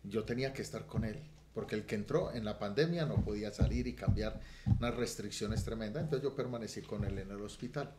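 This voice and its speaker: A middle-aged man, a pastor giving an earnest testimony on a podcast that swells loud and emotional. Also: fairly low pitch, fairly quick, roomy sound, noisy background. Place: podcast studio room.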